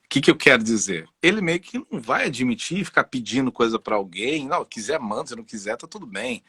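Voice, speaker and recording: A man with a Brazilian Portuguese accent, a guest and voice specialist, talking in a casual, animated way and telling personal stories. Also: mid-range voice, fast talker, husky, dry recording, studio quality. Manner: animated, personal storytelling with frequent "entendeu?". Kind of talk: casual conversational interview.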